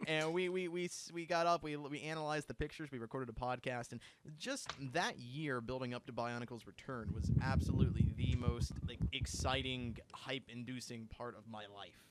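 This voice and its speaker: The recording is very noisy as a young livestream co-host chats casually at a normal pace with few pauses. His voice is medium-pitched, and he tells stories excitedly, restarting many times.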